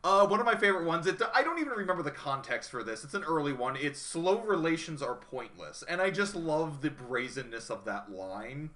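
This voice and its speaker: A man co-hosting a casual review podcast, his voice bright and forward. He sounds animated and incredulous, and his pitch swings widely as he talks. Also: a little fast, few pauses. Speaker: podcast co-host. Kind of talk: casual anime review chat.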